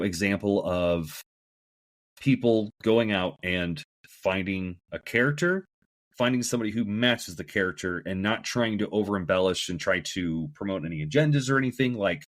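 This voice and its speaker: A man from the American Midwest co-hosts a casual podcast chat, relaxed and constantly saying "you know." His voice is lowish at a normal speed, captured in a dry, studio-quality recording.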